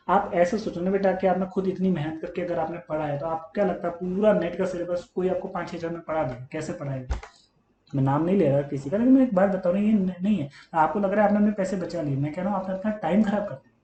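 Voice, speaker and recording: A man with a high, dark-toned voice teaches chemistry to exam students at a quick pace, earnest and coaxing. He often calls them "beta" and repeats his points. The room is echoey with a faint hum.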